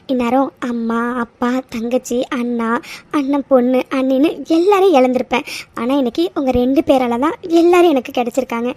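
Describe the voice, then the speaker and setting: A woman's voice: sits high, lightly acted. A woman playing an emotional young wife. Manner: emotional, warm thanks to family. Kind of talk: cartoon drama voice acting.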